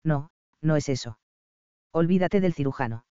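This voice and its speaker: Man voicing a homesick young woman doctor, smooth clear voice, audiobook read. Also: on the high side, animated, moderate pace, warm tone, no echo, muffled recording, lightly acted. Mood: unsure.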